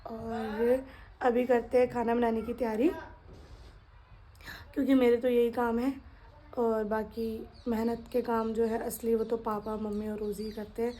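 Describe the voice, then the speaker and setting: A young woman chatting casually in her vlog, talking softly and slowly to spare a strained throat. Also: a little high, level tone, slight background noise. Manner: soft, slow talk to spare her voice. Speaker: vlogger. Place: home kitchen.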